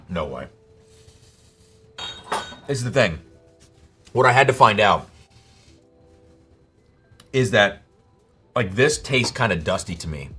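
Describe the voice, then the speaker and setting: A man's voice: sits low, fairly bright tone. A man hosting a live whiskey tasting stream, exclaiming, swearing freely and thinking aloud as he tastes.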